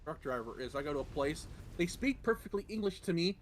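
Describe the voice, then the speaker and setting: A man's voice: on the high side, animated, fairly quick. A man with a slightly raised voice chats loosely on a live gaming stream. He rambles through crude, joking anecdotes. A faint hiss sits under his voice. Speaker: streamer and truck driver. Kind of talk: casual chat while gaming.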